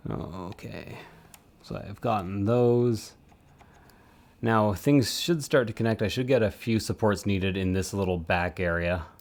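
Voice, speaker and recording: Low, gravelly man streaming at his desk. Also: a little slow. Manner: rambling, self-mocking asides while working. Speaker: streamer supporting 3D print models. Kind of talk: casual live-stream commentary.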